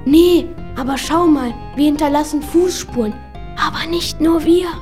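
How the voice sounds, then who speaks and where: A woman's voice: sits high, moderate pace, a little mellow, faint music behind, close to an everyday voice. A woman playing a plucky, direct young boy adventurer in a children's audio drama. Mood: eager.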